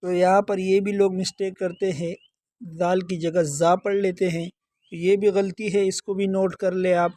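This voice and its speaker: A man teaching Quran recitation, explaining pronunciation patiently and repeating words slowly to correct common mistakes. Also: high-pitched, level tone, dark tone, no echo. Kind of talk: tajweed lesson, explaining then chanting verses slowly.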